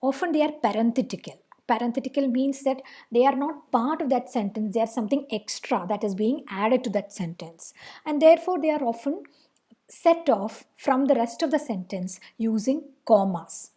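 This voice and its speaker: A woman with an Indian English accent explains grammar at a patient, steady teaching pace. Her voice sits a little high, with a soft, husky, mellow tone. She repeats each example sentence so it sinks in. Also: normal speed. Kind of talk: explanatory lesson.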